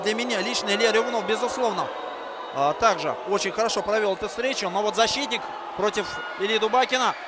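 A man doing excited live ice hockey play-by-play, exclaiming and drawing out names and goal calls. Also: very high voice. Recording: loud music and arena crowd behind. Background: pop-rock music and crowd noise.

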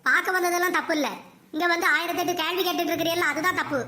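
A woman's voice: very high-pitched, fairly even intonation, rapid-fire, sharp tone, soft background music. A woman voicing a defiant young wife in a cartoon, talking back bluntly. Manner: blunt, cheeky retorts. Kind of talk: cartoon voice acting.

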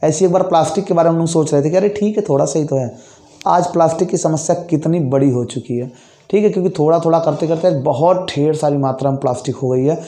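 A young man delivers a fast physics lesson in a high, mellow voice, stopping often to check the class is following. He explains with everyday examples. The sound is echoey, as if recorded in a bare room. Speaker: physics teacher. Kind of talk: classroom lecture.

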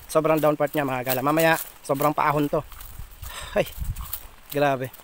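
A man's voice: on the high side, fairly even intonation, normal speed, a little hiss or hum. A man vlogging on a rural hike, cheerful and chatty, cheering and thanking people along the trail. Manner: upbeat, shouts greetings, laughs often. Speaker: travel vlogger. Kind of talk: excited casual vlog chatter. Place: outdoors on a rural forest trail.

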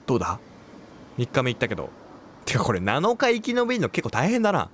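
A man's voice: mid-range voice, wildly swooping pitch, fast talker, fairly bright tone, a little hiss or hum. A man giving let's play commentary on a game, reacting, quipping and talking to himself as he plays. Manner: reactive, talks to himself, quips and exclaims.

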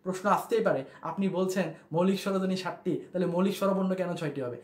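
A man's voice: high-pitched, rapid-fire, echoey room, low-quality recording. A man teaching a grammar lesson, who explains step by step, repeats key points and asks his listeners questions. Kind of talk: classroom lesson explaining at a board.

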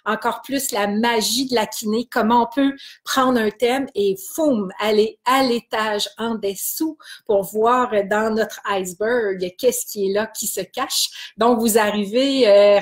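A woman with a Québécois accent hosting a wellness live stream from her computer, greeting viewers by name in a chatty way with many hesitations. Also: on the high side. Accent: Québécois French. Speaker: kinesiology wellness host.

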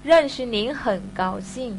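A woman's voice: on the high side, lively intonation, fast talker, slight background noise. A woman teaching a Chinese language class, explaining patiently step by step with polite particles. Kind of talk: classroom lesson.

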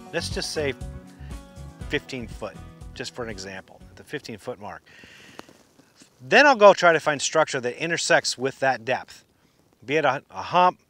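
A middle-aged fishing instructor on a boat by a lake gives practical tips step by step, often restarting his sentences. His mid-range voice has a fairly bright tone, and guitar music plays as a bed beneath this outdoor instructional talk.

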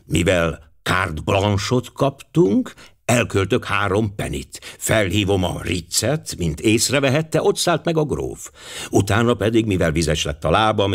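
A shrewd, fussy older detective, as a male audiobook reader puts him on, speaking in a lower voice with precise, gently ironic phrasing. His pitch swings a lot from line to line, and he stays dry and knowing. It is a storybook reading.

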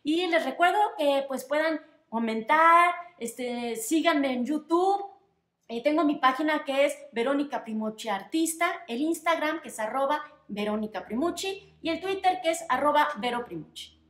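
A woman with a Mexican accent, reading her own story aloud in a lively, expressive way. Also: sits high, moderate pace. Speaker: storyteller and author. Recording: echoey room.

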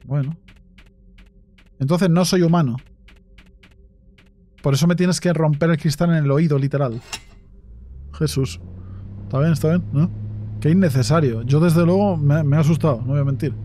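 Jumpy Spaniard narrating a horror game. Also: male voice, fairly high pitch, moderate pace, long pauses, warm tone, a little hiss or hum. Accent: Spain Spanish. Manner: jumpy, swears, talks to himself. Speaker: gaming YouTuber. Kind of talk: horror game let's play commentary.

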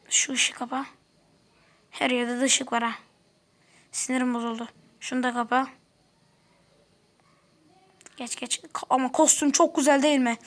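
High-voiced woman grumbling over gameplay. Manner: chatty, grumbles and talks to game characters. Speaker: gameplay commentator. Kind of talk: casual let's-play commentary.

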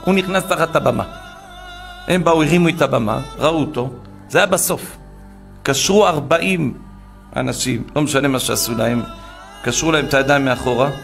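A man preaching by retelling a dramatic story, acting out each character with animated energy. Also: on the high side, gravelly. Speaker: religious storyteller.

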